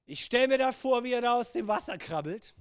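A preacher in his fifties with a notably high voice tells his sermon as a lively, conversational story. The sound is close and dry, with no room echo. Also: brisk, clean tone.

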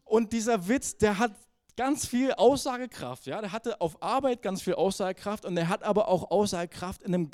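High-voiced man preaching a conversational sermon. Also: no echo, clean studio sound. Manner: conversational, self-reflective, checks in with "ja?". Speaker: pastor.

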